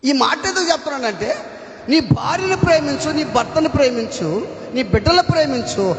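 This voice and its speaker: Pastor guy preaching hard, repeats himself, shouts now and then, long church reverb. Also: very high-pitched, expressive, moderate pace. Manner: emphatic preaching, repeats phrases, bursts into shouting. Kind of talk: sermon. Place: church hall. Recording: echoey hall with long reverb.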